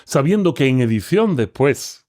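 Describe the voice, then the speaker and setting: A man from Seville with an Andalusian accent, a philosopher talking as a guest in an interview, expressive and lively in his pitch. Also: normal speed, no echo, clean studio sound. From Seville, Spain. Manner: expressive, talks with animated pitch swings. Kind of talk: conversational interview.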